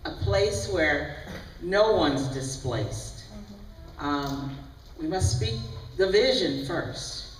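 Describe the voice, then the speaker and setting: A man on a panel speaks slowly and deliberately in a sermon-like rhythm, with a voice pitched a little high. He sounds far from the mic in an echoey hall with a long reverb. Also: animated, a little hiss or hum. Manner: slow, measured, sermon-like. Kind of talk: panel discussion. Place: large hall at a breakfast event.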